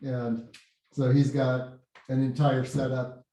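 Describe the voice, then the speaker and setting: A man hosts a meeting in a casual, halting way and often repeats a word before going on. His mellow voice booms back with a hollow echo, like a cave. He sits well back from the computer mic in a very reverberant meeting room. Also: flat delivery. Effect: hollow cave-like echo, as if speaking in a hole. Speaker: meeting host. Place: meeting room with windows and blinds. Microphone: computer mic set back from the speaker. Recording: very echoey room, far from the mic.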